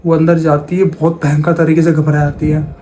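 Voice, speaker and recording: A man's voice: a little high, little pitch movement, moderate pace, mellow, soft background music. A man telling a spooky story in a casual, conversational way, repeating phrases as he goes. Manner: retells dialogue in plain conversational voice, repeats phrases. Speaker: horror storyteller.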